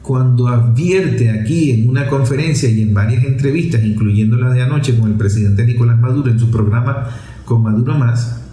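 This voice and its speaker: A man delivers opinionated, off-the-cuff political commentary, emphatically repeating and stretching key words to press his point. His mid-range voice has a dark tone and moves at a moderate pace. The recording is roomy, with an echoing voice.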